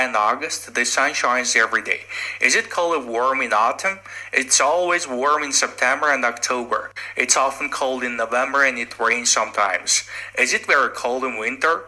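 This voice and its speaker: A man at a mid-range pitch gives a language lesson. His voice is very bright and sharp-edged. He reads each example sentence out slowly, then rattles through the explanation with fillers. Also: rough recording. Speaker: English teacher. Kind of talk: language lesson, reading phrases aloud and explaining them.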